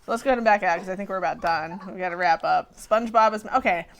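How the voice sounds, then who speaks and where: A woman's voice: mid-range voice, very fast. Chatty giggly woman streaming a game. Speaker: stream host. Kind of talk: casual live-stream chat while gaming.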